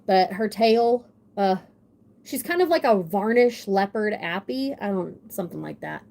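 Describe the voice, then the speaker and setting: A woman's voice: medium pitch, animated, measured pace, vocal fry, darkish tone. A woman, gushing and rambling on a casual livestream, showing off her collection with lots of restarts. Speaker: model horse collector hosting a livestream.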